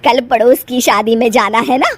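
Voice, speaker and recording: A woman's voice: on the high side, fairly even intonation, moderate pace, no room sound, close to an everyday voice. A woman doing a stern scolding cartoon mother-in-law. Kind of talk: cartoon voice acting.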